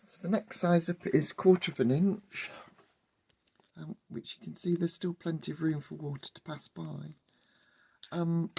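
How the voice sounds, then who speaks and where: A hobbyist with a wheezy, husky voice narrates workshop work casually. The delivery is halting and full of thinking aloud, with a gravelly creak from a sore, hoarse throat. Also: medium pitch, mellow, no echo. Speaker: host of a hobby workshop channel.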